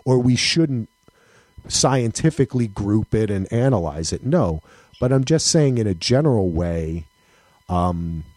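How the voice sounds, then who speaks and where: A man co-hosting a casual podcast chat, talking in an animated way, swearing, laughing and restarting his sentences. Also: lowish voice, measured pace, dry recording. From United States. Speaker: podcast co-host.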